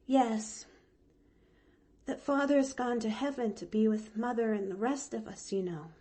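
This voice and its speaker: A woman voices a cheerful, eager little orphan girl for an audiobook, pushing her fairly high, mellow, natural voice upward. She speaks unhurriedly yet sounds breathless, gushing and chattery.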